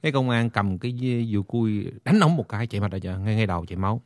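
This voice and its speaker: A man's voice: on the low side, fast, darkish tone, dry recording, clean studio sound. A man, a lawyer guest on a radio talk show, telling stories with many hesitations. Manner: storytelling, many hesitations and fillers.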